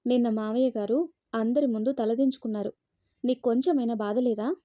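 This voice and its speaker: A woman's voice: fairly high pitch, fairly even intonation, brisk, no room sound, dull audio, close to an everyday voice. A woman voicing a cold young husband who curtly reproaches his wife. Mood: reproachful. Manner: curt, reproachful.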